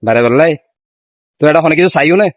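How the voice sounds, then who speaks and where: A man's voice: a little high, fast, no room sound. A man with a Chittagong Bengali accent asking questions in a casual street interview.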